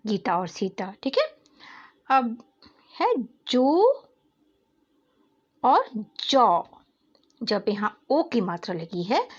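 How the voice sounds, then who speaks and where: A woman teacher slowly and patiently explaining Hindi exercises to children, repeating each question and answer. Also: mid-range voice, muffled recording. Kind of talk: classroom-style lesson explaining Hindi exercises.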